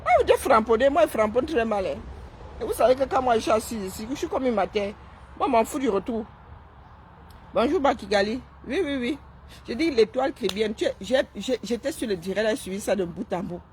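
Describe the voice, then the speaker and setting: A woman's voice: fairly high pitch, lively intonation, brisk, a little mellow, slight background noise. Sarcastic woman live-streaming. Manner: sarcastic, mocking, keeps asking "hein?". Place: seated indoors.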